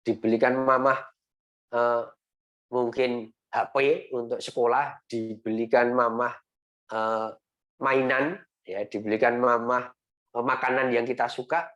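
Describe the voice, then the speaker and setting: A man teaching young children in Sunday school over a video call, gentle and repetitive, often ending phrases with a coaxing "ya". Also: medium pitch, flat delivery, measured pace, lo-fi sound.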